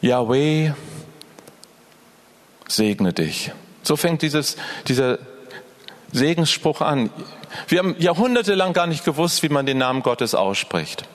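An older man preaching in German with earnest, personal warmth, often turning to ask his listeners questions. His voice sits a little higher than most men's. He speaks as a pastor to a congregation. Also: sing-song, measured pace. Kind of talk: sermon.

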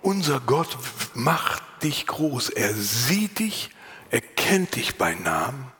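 Male pastor giving a sermon, raspy breathy voice, goes quiet then punchy. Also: medium pitch, big pitch swings, slow pace, big-room sound. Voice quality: husky; unusual voice he remarks on himself. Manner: earnest, varied, drops to whispers and rises for emphasis. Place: church.

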